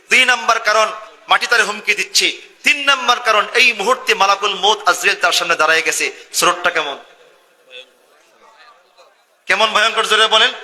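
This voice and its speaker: High-voiced, sharp preacher calling on his crowd. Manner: calls on the crowd to answer, chants Arabic verses in sing-song. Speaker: preacher (mufti). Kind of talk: Bengali Islamic sermon. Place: sermon gathering with live audience. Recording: long booming hall reverb.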